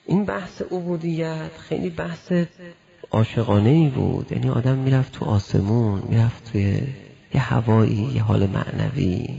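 A man's voice: medium pitch, gravelly, dark tone, dull audio. A man giving a religious lecture, asking rhetorical questions and acting out imagined exchanges with his listeners. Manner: rhetorical, acts out imagined dialogues. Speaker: preacher.

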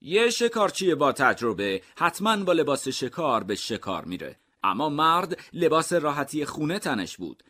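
A man narrating comic mystery stories in a deadpan, even storytelling manner. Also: on the high side, few pauses.

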